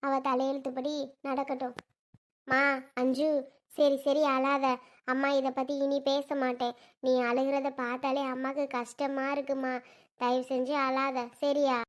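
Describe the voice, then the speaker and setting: A woman playing an anxious, soft-hearted mother who pleads and gently soothes her crying daughter in a homemade drama skit. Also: sits high, little pitch movement, unhurried. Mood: soothing. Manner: pleading, then softly soothing.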